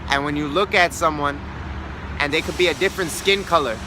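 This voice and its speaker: Earnest male self-help host, a touch high-voiced, outdoors with clear traffic noise. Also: a little fast. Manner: earnest, reflective, repeats key words for emphasis. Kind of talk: motivational spiritual talk.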